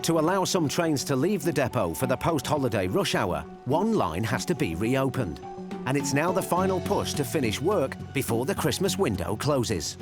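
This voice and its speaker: A male documentary narrator with a lively, varied delivery at a middle pitch. He reads scripted narration, with music clearly playing behind him. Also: moderate pace. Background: background music.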